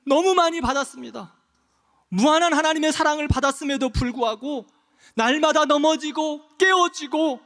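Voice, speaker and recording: Male pastor, sermon, impassioned delivery that slows for emphasis; very high pitch, church hall reverb. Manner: impassioned, swings between soft and loud, slows on key phrases. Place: church sanctuary.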